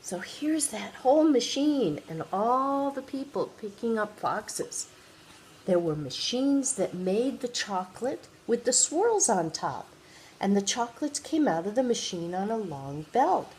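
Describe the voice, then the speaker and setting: Sweet older lady reading stories, very expressive. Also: fairly high pitch, measured pace, a little hiss or hum, poor audio. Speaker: grandmother reading a picture book to children. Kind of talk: read-aloud children's storytelling.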